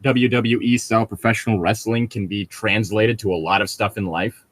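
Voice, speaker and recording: He's a co-host reading a book with friends, chatting in a loose, joking way and prone to laughing. His lowish voice keeps a fairly even intonation at normal speed, with no room sound.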